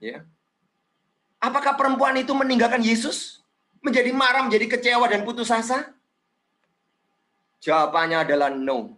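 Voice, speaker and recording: A man's voice: very high-pitched, normal speed, pauses often. A man preaching a sermon, asking the congregation questions and often adding a short "ya" as a tag. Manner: animated, questioning, frequent tag "ya".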